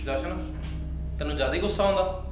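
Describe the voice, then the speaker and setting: A man's voice: quick pace, lightly acted. An actor with a Punjabi accent playing a young husband who lectures his wife and soothes his parents in a short drama. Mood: scolding. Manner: firm, lecturing, mostly low-voiced. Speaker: son and husband. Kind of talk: Punjabi short film acting.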